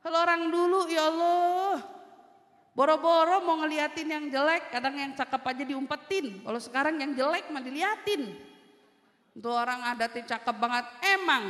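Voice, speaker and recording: High-pitched lady preacher, lively and teasing, echoey hall. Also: moderate pace. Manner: animated, teasing, mixes everyday slang with Arabic phrases. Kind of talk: lively sermon to a women's study group. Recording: echoey hall with long reverb.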